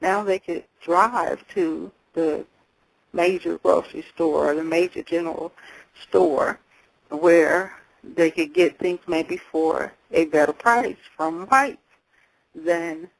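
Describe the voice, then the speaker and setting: A woman hosting a talk show, losing her voice, speaking haltingly and repeating words as she thinks. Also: fairly low pitch, gravelly, no room sound, poor audio. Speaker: host. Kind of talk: talk on community history.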